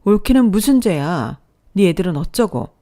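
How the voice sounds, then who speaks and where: A woman voicing a middle-aged sister-in-law who comforts kindly and scolds loudly. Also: deep voice, normal speed. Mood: furious. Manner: loud, scolding outbursts.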